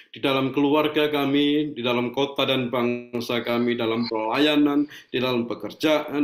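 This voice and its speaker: A male pastor speaks a closing benediction in steady, formal liturgical phrases at a middling pitch. His voice carries a noticeable room echo over the video call.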